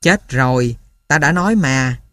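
A man reading a story and voicing a gruff, blunt older guerrilla man. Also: mid-range voice, animated, unhurried, a bit bright, no room sound, clean studio sound, pitched below the performer's own voice. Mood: scolding.

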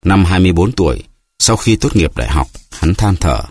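Low-voiced guy reading a story, wry and expressive, kinda husky. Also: brisk, dry recording. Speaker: narrator. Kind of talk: storytelling narration.

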